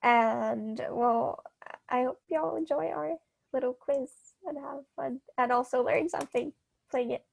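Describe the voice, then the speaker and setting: Young Austrian woman, high voice with fry, soft-spoken. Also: measured pace, dry recording. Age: young adult. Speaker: youth council member. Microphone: video call.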